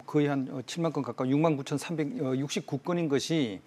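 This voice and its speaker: A middle-aged man, a professor, explaining as a guest in a studio news interview, with frequent "uh" pauses. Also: on the high side, darkish tone. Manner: measured, many "uh" pauses.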